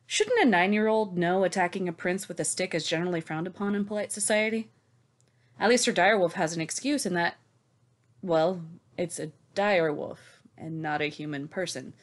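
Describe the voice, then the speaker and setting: On a book podcast, a woman co-host with a voice on the low side speaks at normal speed. Her recaps and discussion sound scripted, and she delivers them sarcastically and emphatically, swearing casually.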